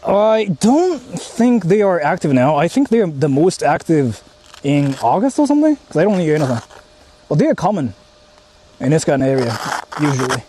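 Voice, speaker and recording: A Japanese man livestreams a casual outdoor vlog while moving through a rural area, exploring haunted spots, chatting with viewers and thinking aloud with lots of swearing. His voice is fairly high, very animated and mellow, at a moderate pace. The livestream audio is noisy.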